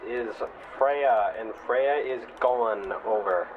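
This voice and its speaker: A man's voice: mid-range voice, takes it slowly, background noise. Man calling in over a tinny radio. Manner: clipped radio callsigns, ends calls with over. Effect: heard over a radio. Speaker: squad radio operator. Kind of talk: military radio procedure in a game.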